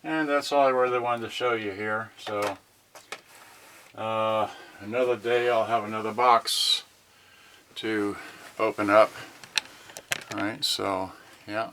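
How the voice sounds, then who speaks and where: Bright and forceful yet steady, this man's fairly low voice comes slowly, with long pauses. As host of an electronics unboxing channel, he rambles through a casual, unscripted unboxing, thinking aloud and often trailing off, in a noisy home video with clicks.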